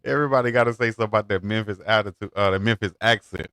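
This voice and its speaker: A man hosting a live sports stream in a relaxed, casual way, laughing easily and thanking viewers. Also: on the low side, very fast, clear, resonant tone, dry recording, studio quality. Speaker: show host.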